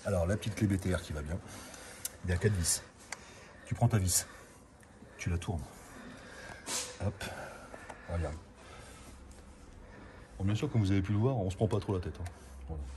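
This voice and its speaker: A man, giving a chatty, casual how-to on car repairs in a garage, full of filler words. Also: deep voice. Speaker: amateur mechanic host. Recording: noisy garage recording.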